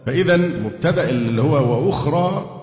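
A man with an Egyptian accent teaching a Quran grammar lesson. He keeps questioning his students and recites the verses slowly. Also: fairly high pitch, animated, a little mellow. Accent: Egyptian Arabic. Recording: echoey hall, dull lo-fi sound.

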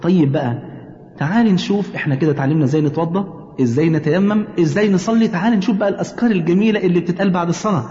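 A man's voice: sits high, dark tone, highs cut off. Patient Egyptian man teaching prayer in an echoey room. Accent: Egyptian Arabic. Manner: patient and tender, slows down to recite prayers clearly. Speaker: religious teacher. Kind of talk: gentle religious lesson addressed to his mother.

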